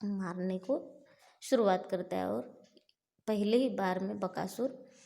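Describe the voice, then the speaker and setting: Slow-paced woman teacher explaining a story. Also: medium pitch, vocal fry, mellow. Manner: chatty, explaining words, speaking to pupils. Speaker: school teacher. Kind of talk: explaining a story lesson to students.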